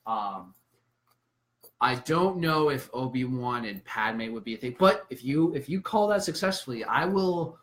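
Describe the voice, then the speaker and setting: A man's voice: medium pitch, expressive, unhurried, a bit bright, a little hiss or hum. A young man co-hosting a casual podcast chat, laid-back and rambling. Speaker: podcast co-host.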